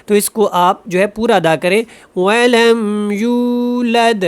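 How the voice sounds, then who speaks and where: A man teaching Quran recitation. He explains common mistakes patiently, checks in with his listeners often, and recites each verse slowly with drawn-out vowels. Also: sits high. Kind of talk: tajweed lesson, explaining and reciting.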